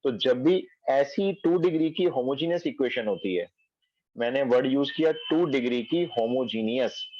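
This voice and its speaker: A man teaching a math class online from home, working through each step aloud and stopping to check that his students follow. His voice sits at a middling pitch. The sound is dry and dull, like a lo-fi recording. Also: moderate pace, darkish tone, no echo. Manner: explains step by step, checks understanding.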